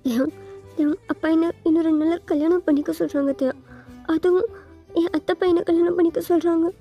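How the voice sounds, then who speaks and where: A woman's voice: high voice, fairly quick, muffled recording, faint music behind, natural voice. A woman voicing a tearful, anxious young woman who stammers and pleads, in a storybook fan fiction reading. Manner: stammering, close to tears.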